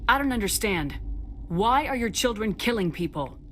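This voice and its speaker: A woman's voice: mid-range voice, lively intonation, normal speed, a little hiss or hum, lightly acted. A woman playing a resolute, direct military commander in a video game. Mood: firm. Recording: music behind the voice.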